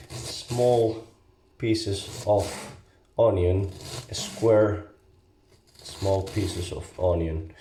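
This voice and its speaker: A man with a Basque accent and non-native English gives a casual, halting, step-by-step cooking tutorial as an amateur home cook. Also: on the low side, dark tone. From Basque Country. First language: not English. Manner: halting, step-by-step, often checking with "okay?". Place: home kitchen, indoors. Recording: echoey room, background hiss and clicks.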